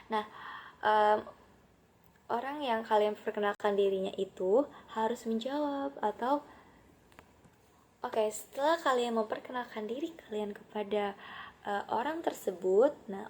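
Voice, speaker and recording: A woman's voice: medium pitch, darkish tone, a little hiss or hum. A young woman with an Indonesian accent, an English teacher explaining a lesson casually, with many fillers and English phrases dropped into her talk. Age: young adult.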